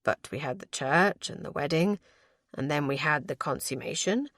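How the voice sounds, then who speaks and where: A woman voicing an affectionate young lord, speaking low, wry and murmuring to his new wife. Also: normal speed, a bit bright, dry recording, studio quality. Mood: tender.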